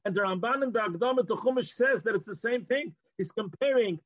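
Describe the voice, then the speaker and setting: A man's voice: high voice, fairly quick, a bit bright, no room sound, muffled recording. A man with a Yiddish-inflected accent giving an informal Torah lecture, arguing through rhetorical questions and repeating words as he goes. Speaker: Torah teacher.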